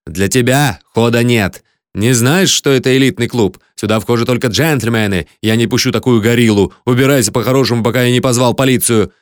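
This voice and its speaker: A man's voice: mid-range voice, brisk, no room sound, clean studio sound, natural voice. A man reading an audiobook, voicing a pompous, scornful male club doorman. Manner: haughty, scornful.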